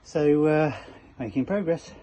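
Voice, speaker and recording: A presenter for a boat fitting shop's how-to series walks through a hands-on DIY task aboard a small cabin motorboat, his warm voice pitched on the high side with lively intonation and a slightly slow delivery. Now and then he hesitates, searching for words mid-task. The recording is dull, lo-fi camera audio with faint noise.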